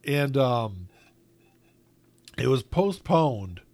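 A man's voice: medium pitch, very animated, drawn-out words, darkish tone, dry recording. A man hosting a casual chat, rambling with lots of filler words.

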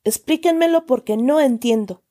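A woman's voice: high-pitched, moderate pace, natural voice. A woman putting on a blustering, pompous uncle. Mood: scolding. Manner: loud, scolding, exaggerated indignation. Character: stern pompous middle-aged uncle, lecturing children.

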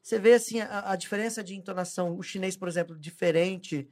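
A woman, hosting a casual chat in a relaxed, chatty way. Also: mid-range voice, quick pace.

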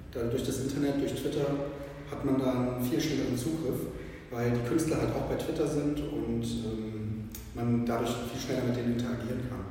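A man's voice: mid-range voice, mellow, slight background noise. A man being interviewed as a collector, explaining things casually with some fillers. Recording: echoey hall, mic at a distance.

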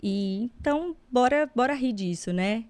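A Brazilian woman in her thirties, hosting a casual podcast chat in a joking, self-mocking way with quick bursts of talk. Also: on the high side, lively intonation, darkish tone. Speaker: podcast host.

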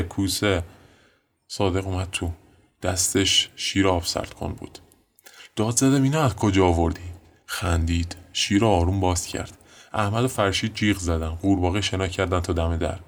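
A weary young male student tells the story of a wild dorm night, deadpan and tired. His voice sits very low with a gravelly, creaky texture. He speaks in a flat dramatic monologue.

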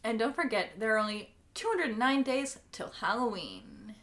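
Woman podcast cohost, kinda high voice, just chatting casually with the group. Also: big pitch swings, normal speed, crowd noise. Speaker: podcast co-host.

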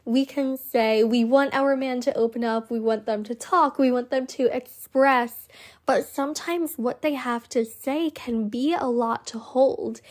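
A woman hosting a solo self-help podcast in a measured, emphatic way, her voice nasal and slightly congested from a cold. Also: a little high. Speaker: podcast host.

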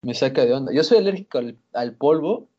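A man with a Mexican Spanish accent co-hosting a casual chat, slangy and animated when telling stories. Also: medium pitch, a little fast. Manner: animated storyteller, laughs, slangy. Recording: lo-fi recording.

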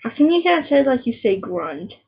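A woman's voice: sits high, very animated, fairly quick, slightly rough. A young woman rambling and teasing a friend in casual chat at home, on a dull lo-fi recording. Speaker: vlogger.

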